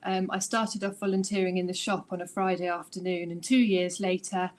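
A woman's voice: on the low side, little pitch movement, fairly quick. A woman in her thirties with a British accent, a guest speaker joining a video call from her living room and talking informally with a few fillers. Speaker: guest speaker, scrap store chair. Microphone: laptop webcam video call.

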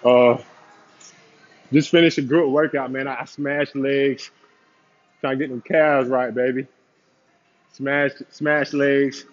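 A man's voice: medium pitch, fairly even intonation, slow pace, long pauses, faint music behind. A young man chatting casually to his vlog audience in a hyped, slangy, familiar way, recorded on a phone in a gym. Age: young adult. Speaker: fitness vlogger, agency founder. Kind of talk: casual motivational vlog chat. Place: large indoor gym. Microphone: phone at arm's length or propped nearby. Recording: muffled phone audio in a gym.

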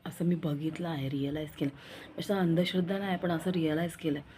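A young woman with a Marathi accent talks in a casual, rambling vlog, confiding and repeating herself as she goes. Her voice sits low, steady and warm, and her pace is a little fast. A slight hiss or hum is audible.

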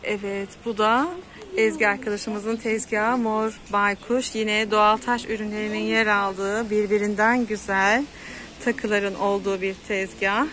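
A woman's voice: mid-range voice, little pitch movement, a little slow, a bit bright. A woman vlogger chatting to her followers on a walking tour, recorded outdoors on a handheld camera. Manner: chatty, addresses followers directly, promotes market stalls. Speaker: travel vlogger. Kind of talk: walking tour vlog narration. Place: outdoor seaside market street.

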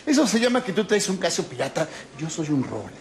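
High-voiced arrogant rich schoolboy. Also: male voice, big pitch swings, moderate pace, slight background noise. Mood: mocking. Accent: Mexican. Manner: affected posh whine, mocking. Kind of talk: telenovela parody sketch.

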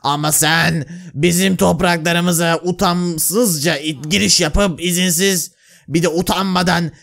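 A man voicing a cruel, gloating male jailer who serves a king, talking slowly and bossily in a game role-play. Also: high voice, fairly even intonation, creaky, fairly bright tone, pitched below the performer's own voice, heavily acted. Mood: threatening. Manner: slow, menacing and bossy.

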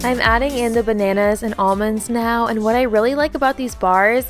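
A woman's voice: a little high, steady tone, a little fast, soft background music. Chatty young woman narrating a cooking vlog. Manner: chatty, upbeat, explains each step. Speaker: home vlogger.

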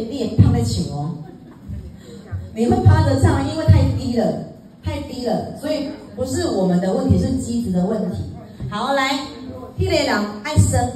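A woman teaching a singing class, coaching, counting in and singing short demonstrations. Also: fairly high pitch. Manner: mixes talk with sung demonstrations, coaching and counting in. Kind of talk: singing lesson. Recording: echoey room, far from the mic, with background noise.

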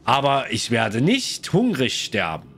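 A man's voice: mid-range voice, wildly swooping pitch, a little slow, a bit bright, full character voice. Lazy, gluttonous forest creature, played by a man: a sleepy, shrugging storybook voice. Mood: unbothered. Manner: sleepy, unbothered.

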